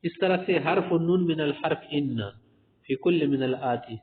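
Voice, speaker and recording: A man gives a tajweed lesson, working through spoken examples and calling his listeners respected sirs. His voice sits a little high. The sound is thin and tinny, as if heard over a phone line. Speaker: Quran recitation teacher.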